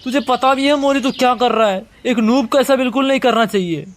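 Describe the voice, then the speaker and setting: A hot-headed young manga climber, protective and quick to scold, read aloud by a man. The voice sits fairly high, and the tone is urgent rather than deeply acted. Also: slight background noise.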